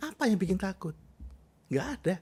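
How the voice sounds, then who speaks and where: Animated man telling stories. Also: high-pitched, a little fast, a crowd in the background. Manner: animated, expressive storyteller, emphatic lists. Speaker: guest, self transformation coach. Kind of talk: conversational interview, personal storytelling.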